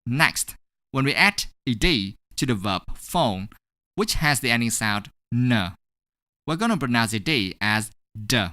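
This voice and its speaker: A man narrates an online English pronunciation lesson in a bright, clear voice that rises and falls a lot. He talks slowly and deliberately and repeats each example word for practice. The sound is dry and close, with no room echo. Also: medium pitch, lively intonation. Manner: slow, deliberate, repeats words for drilling.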